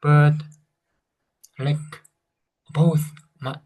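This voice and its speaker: A South Korean vlogger in his thirties rambles casually through a console review in English, his second language, with a Korean accent. His voice is on the high side and a little mellow, flat and very slow. He often hesitates and corrects himself.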